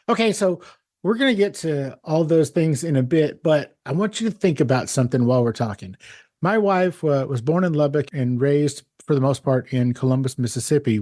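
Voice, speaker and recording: A man's voice: fairly high pitch, expressive, moderate pace, a little mellow. A middle-aged man from Texas hosting a podcast, chatty and self-interrupting, calling his guest "man" and "dude". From San Antonio, Texas. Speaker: podcast host. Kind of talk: casual podcast interview and intro.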